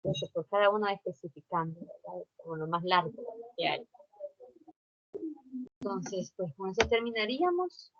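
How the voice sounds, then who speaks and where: A woman's voice: mid-range voice, animated, moderate pace, long pauses. Patient woman teacher, dull lo-fi sound. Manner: patient, repeats instructions, frequent "¿verdad?" and "¿sí?". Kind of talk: online class lecture. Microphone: computer mic for a virtual class.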